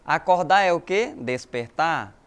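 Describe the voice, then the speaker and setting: A man's voice: fairly high pitch, lively intonation, a little slow, a bit bright, smooth. A Brazilian man teaching a recorded language lesson, explaining patiently and checking in with his students with friendly little tag questions. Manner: explanatory, addresses students as galerinha, frequent né tags. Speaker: Spanish teacher.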